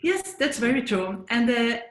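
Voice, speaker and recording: A woman's voice: a little high, lively intonation, a little slow. Serbian-accented woman in an echoey room. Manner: earnest, thoughtful, frequent hesitations. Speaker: guest, head of software development. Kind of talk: interview answers.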